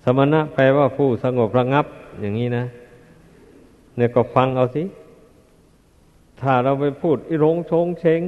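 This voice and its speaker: Older monk preaching, tinny and echoey. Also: male voice, medium pitch, clear, resonant tone. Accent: Northeastern Thai. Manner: measured, admonishing, many pauses with filler sounds. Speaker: Buddhist monk teacher. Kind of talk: Dharma sermon to disciples. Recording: tinny, echoey hall recording.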